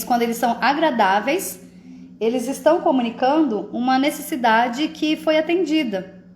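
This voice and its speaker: A woman's voice: high voice, darkish tone, echoey room, slight background noise. A woman hosting a live stream, talking casually about emotions and often checking that listeners follow. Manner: conversational, often asks "entende?".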